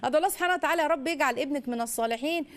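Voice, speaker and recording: Rapid, high-voiced Egyptian woman host. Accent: Egyptian Arabic. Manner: animated, sing-song modelling of phrases for children. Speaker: parenting educator and radio show host. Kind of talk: call-in advice talk.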